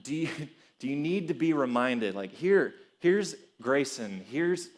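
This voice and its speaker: A man preaching a sermon voices God as patient and gently amused, with a casual, mildly teasing way of talking. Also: medium pitch, expressive, measured pace, lightly acted. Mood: reassuring.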